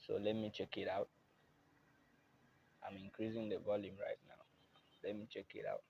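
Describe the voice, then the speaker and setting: Low-voiced man explaining keyboard settings. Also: flat delivery, normal speed, vocal fry. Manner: plain, patient, repeats "I believe you can hear". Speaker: keyboard tutor. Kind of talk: casual step-by-step tutorial.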